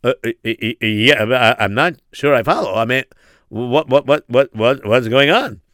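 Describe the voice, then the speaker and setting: A man plays a flustered, well-off man who worries aloud and stammers through his questions. The voice is bright and clear, in a dry sound. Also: mid-range voice, moderate pace, no echo, pitched below the performer's own voice, lightly acted.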